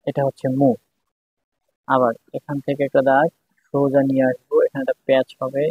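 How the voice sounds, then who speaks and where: Guy teaching kana, says each sound over and over, kinda husky, monotone, thin phone-ish audio. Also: mid-range voice. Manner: patient, repeats each syllable several times. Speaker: Japanese language teacher. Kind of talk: step-by-step writing lesson. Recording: dry, phone-like tinny sound.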